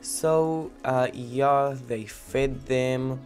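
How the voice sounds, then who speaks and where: Faint music plays behind a young gamer whose cold has left him with a stuffy nose; he drawls his words in a steady, medium-pitched voice. His gameplay commentary is giggly and meandering, full of fillers.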